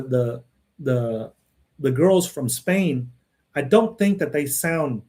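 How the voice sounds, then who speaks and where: A man raised in Texas rambles casually through a monologue, answering viewers' questions, repeating words, and ending sentences with "right?" or "okay?". His voice is mid-range and a little mellow.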